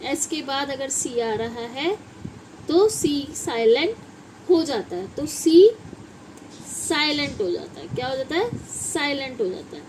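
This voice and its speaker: A woman's voice: high-pitched, expressive, measured pace, darkish tone, slight background noise, low-quality recording. A woman with a Hindi accent teaching English pronunciation in a classroom style, often asking questions and answering them herself.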